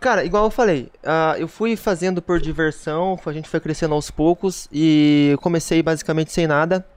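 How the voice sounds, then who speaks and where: A young man in his twenties, a guest on a casual podcast, telling stories in a quick, animated way. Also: on the high side, clean tone. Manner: lively storyteller, quick and animated. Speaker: guest YouTuber.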